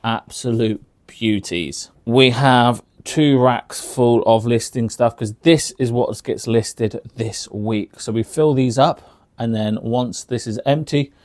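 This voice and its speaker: A man with a British accent narrates a casual walkthrough in a slightly low-pitched voice. He is chatty and colloquial, often repeating words for emphasis and dropping in slang. The sound is dry, with very little room echo. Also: slow pace, darkish tone. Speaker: online reseller giving a tour of the business. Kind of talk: informal walkthrough vlog narration. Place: indoors, walking through warehouse rooms.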